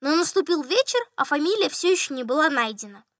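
A woman narrating a story in a lively, expressive reading. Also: sits high, fast talker, no room sound, studio quality.

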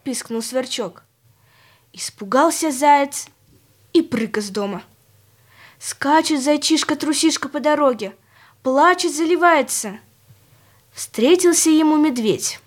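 A woman narrating a children's fairy tale in a gentle, expressive storytelling manner. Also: sits high, slow, long pauses.

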